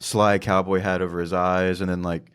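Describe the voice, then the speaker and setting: A man's voice: sits low, level tone, moderate pace, a bit bright, clean tone. A man co-hosting a podcast, chatting about a movie with enthusiasm, swearing freely. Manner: enthusiastic and profane, laughing between remarks. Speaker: podcast co-host. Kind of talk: casual movie review chat.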